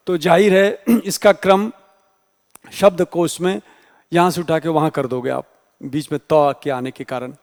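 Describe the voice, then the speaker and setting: Male tutor, high voice, patient explanatory lecture style, reverberant room. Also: a little mellow. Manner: explanatory, spells out letters slowly. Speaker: teacher. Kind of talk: exam-prep Hindi grammar lecture.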